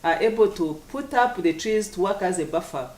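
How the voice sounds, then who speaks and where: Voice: mid-range voice, animated, normal speed, a little mellow. African official speaking in an echoey room. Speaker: government official, agriculture commissioner. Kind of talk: interview answers, explanatory policy talk. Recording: echoey room, distant microphone.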